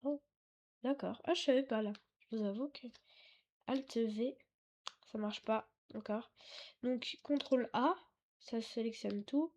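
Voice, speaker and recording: Here a tech tutorial host, a woman with a fairly high, slightly mellow voice, talks a little slowly and pauses often during a casual screen recording at her computer. Her manner is apologetic, chatty, and hesitant, heavy on fillers and self-corrections, and she occasionally strays too far from the desktop mic.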